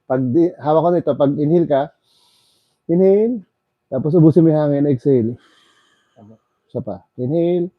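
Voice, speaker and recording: A man working as a bone setter, calmly coaching a client to relax, breathe in and breathe out. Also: a little high, fast, long pauses, dry recording, phone-quality sound. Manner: coaxing, repeats calm instructions. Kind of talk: guiding a client through a massage.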